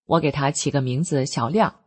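A woman's voice: rumbling low, normal speed, darkish tone, slightly rough. A middle-aged woman, earnestly telling her own story in plain spoken words. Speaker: narrator of a personal account. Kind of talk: first-person storytelling.

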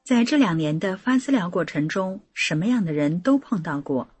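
A woman with a very husky, breathy voice reads a first-person account aloud, her pitch rising and falling in a lively way. The sound is close and dry with no room echo. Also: normal speed, soft background music. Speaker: article reader. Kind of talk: scripted narration of a personal account.

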